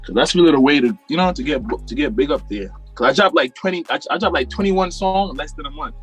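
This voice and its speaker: A man's voice: on the high side, lively intonation, quick pace, slightly rough, soft background music. Laid-back young man from Jamaica. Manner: laid-back, rambling, many fillers. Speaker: rapper guest. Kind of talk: casual interview chat. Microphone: video call.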